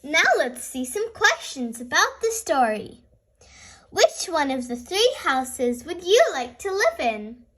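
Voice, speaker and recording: A woman reading a storybook to small children in an animated fairy tale opening manner, as a host of story time. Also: sits high, takes it slowly.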